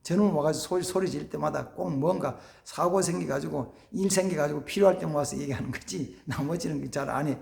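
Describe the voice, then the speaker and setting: A man preaching a sermon as pastor, animated, acting out family dialogues and dropping to near-whispers for emphasis. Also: fairly high pitch, brisk, vocal fry, few pauses, roomy sound. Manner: animated, acts out family dialogues in shifting voices. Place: church sanctuary.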